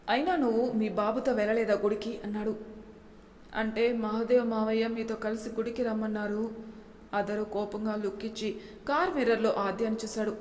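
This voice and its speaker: A woman narrating a romance storybook in an even, steady reading manner. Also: fairly high pitch, a little hiss or hum. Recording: long hall reverb.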